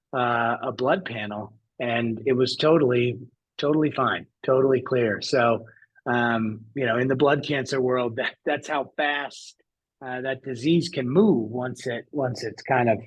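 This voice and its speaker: Man, interview guest, earnest and reflective, mid-pitched voice. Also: slightly rough, poor audio. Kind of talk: conversational interview.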